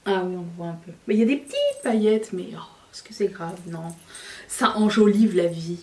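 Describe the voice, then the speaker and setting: A woman's voice: medium pitch, very animated, normal speed, reverberant, distant mic. Chatty woman doing her makeup. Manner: chatty, self-mocking, talks while applying makeup. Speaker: beauty vlogger. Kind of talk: casual makeup tutorial chat.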